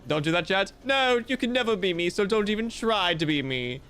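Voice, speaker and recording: A man with a high-pitched, fairly bright voice talks fairly quickly and expressively over a clean signal. He's livestreaming casually, reading out viewer comments with playful, theatrical flair and mock-grandiose jokes.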